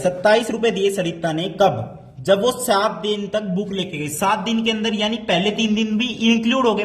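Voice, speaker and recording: A man teaching a math lesson. He mixes Hindi and English and hypes up each solved step. He slows right down when he reads textbook problems aloud. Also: high-pitched. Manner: energetic, hypes up his solutions. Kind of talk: chalkboard-style math lesson.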